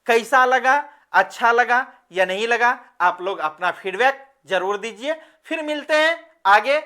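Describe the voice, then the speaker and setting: A woman's voice: fairly high pitch, lively intonation, a little slow, pushed and bright. A woman teaching a grammar lesson. She repeats her examples and keeps asking the listener questions.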